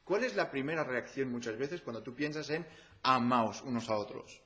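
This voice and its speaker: A man's voice: mid-range voice, moderate pace, fairly bright tone. A man with a Spanish accent from Spain preaching a sermon in a church, talking to the congregation with rhetorical questions and a conversational tone.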